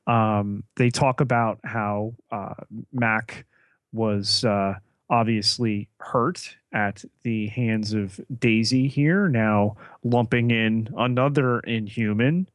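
Guy cohosting a tv recap podcast, slow halting talk, lots of ums, dry close sound. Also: fairly low pitch, fairly even intonation, dry recording. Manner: halting, many fillers and restarts. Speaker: podcast co-host. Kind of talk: casual TV recap chat.

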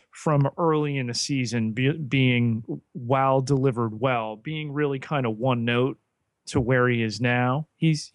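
A man co-hosting a podcast, talking in a measured way and putting questions to his co-host. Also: medium pitch, no room sound. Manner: measured, asks questions, many fillers. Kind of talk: casual podcast chat.

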